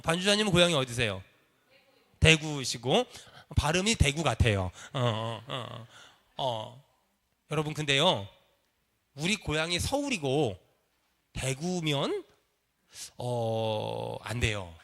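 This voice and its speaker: A man's voice: mid-range voice, expressive, takes it slowly, creaky, long pauses, a bit bright. A man preaching a sermon in a church, leading the congregation in call and response. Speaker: pastor. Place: church sanctuary.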